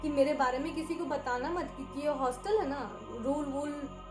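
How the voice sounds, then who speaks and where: A woman's voice: high voice, normal speed. A woman co-hosting a casual chat about horror stories, mixing English words into her talk. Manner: chatty, mixes English words into Hindi. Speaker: co-host. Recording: roomy echo, music underneath.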